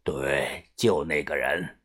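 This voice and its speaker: A man voicing a weary older male gang boss who speaks low, slow and hushed in an audiobook. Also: breathy edge, exaggerated voice. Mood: grave.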